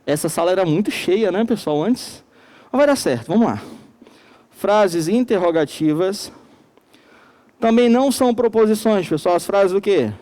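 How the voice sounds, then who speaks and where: A male teacher with a Manaus accent gives a recorded classroom lecture, leaning on each key word. His voice sits high yet sounds mellow and soft-edged. He keeps posing questions to the class and supplying the answers himself. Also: expressive. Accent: Brazilian Portuguese, Manaus. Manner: slow and emphatic.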